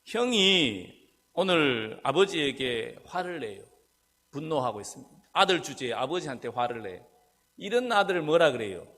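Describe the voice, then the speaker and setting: A man's voice: a little high, normal speed. A male pastor preaching a sermon, asking his listeners questions and answering them himself. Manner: rhetorical questions, lively and animated. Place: church sanctuary. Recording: long church hall reverb.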